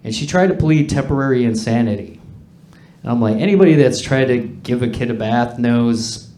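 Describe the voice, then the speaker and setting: A man performing stand-up comedy to a live audience, with a crude, profane, conversational delivery and dark jokes. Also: medium pitch, expressive, normal speed. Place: indoor pub comedy stage. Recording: echoey live comedy room.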